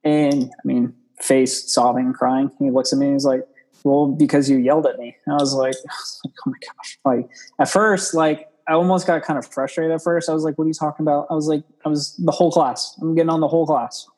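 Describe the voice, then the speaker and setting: A man's voice: fairly high pitch, steady tone, brisk, darkish tone, low-quality recording. A young man as an interview guest, telling his story in an earnest, rambling way and often quoting what he said to himself.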